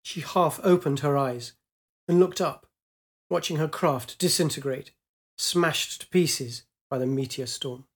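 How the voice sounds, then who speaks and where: A man narrates a science fiction story aloud in a measured, dramatic manner. His voice sits somewhat high for a man. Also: husky. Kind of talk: storybook reading.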